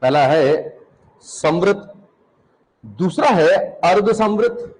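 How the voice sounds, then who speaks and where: A man teaching a class, repeating each term slowly so students can write it down, asking questions and answering them himself. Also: high-pitched, expressive, a little mellow, low-quality recording. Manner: repeats terms for students to copy, asks and answers questions, calls students 'beta'. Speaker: Hindi teacher. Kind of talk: classroom lecture.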